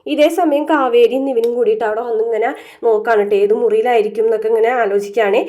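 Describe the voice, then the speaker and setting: Fast-talking woman recapping a TV serial. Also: fairly high pitch, steady tone, warm tone. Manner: rapid storytelling with frequent filler sounds and tag words. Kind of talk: casual spoken episode recap.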